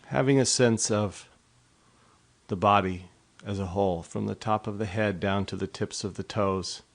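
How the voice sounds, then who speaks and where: A man leading a guided body scan meditation in a slow, soft, unhurried way. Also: on the low side.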